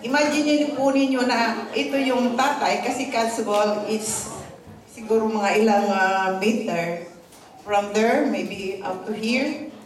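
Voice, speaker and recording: A woman pastor with a fairly high voice gives a morning sermon and tells a story with polite phrasing. She moves back and forth between Tagalog and English. Her voice rings through a very echoey hall and sounds set back from the microphone. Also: steady tone, slow, recorded from a distance. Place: church service, morning gathering. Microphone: handheld or stand microphone.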